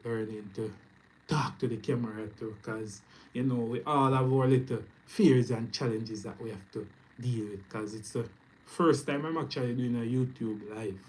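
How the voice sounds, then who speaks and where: A man from Jamaica with a Jamaican accent, chatting loosely on his first live stream and giving upbeat shout-outs to viewers. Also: mid-range voice, normal speed, rough recording. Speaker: YouTube trading streamer. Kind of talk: casual live stream chat. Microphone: camera mic, speaking to camera.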